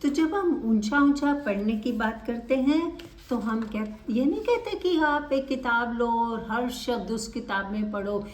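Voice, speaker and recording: A woman auditory-verbal therapist giving an instructional talk to parents, deliberate and expressive, stressing key words. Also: on the high side, roomy sound, recorded from a distance.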